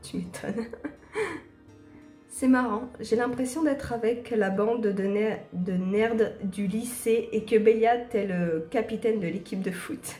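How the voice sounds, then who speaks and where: A woman's voice: fairly high pitch, takes it slowly, dark tone, roomy sound, faint music behind. A woman with a sore throat chatting casually to viewers while playing a story game. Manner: chatty, laughing asides.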